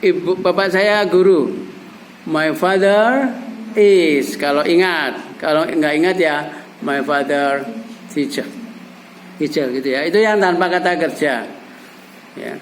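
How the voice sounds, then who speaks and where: A man's voice: fairly high pitch, a little slow, a little hiss or hum, rough recording. A middle-aged man teaching an English class, coaxing his students with repeated examples and prompting questions. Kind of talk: classroom language lesson.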